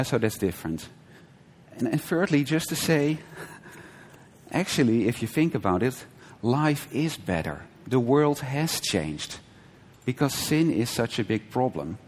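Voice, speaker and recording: A man teaching a conversational sermon, often checking with his listeners with a quick "right?" and restarting his sentences. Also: mid-range voice, animated, a little mellow. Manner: conversational, frequent "right?" checks and brief laughs, self-correcting restarts. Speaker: preacher. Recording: long hall reverb.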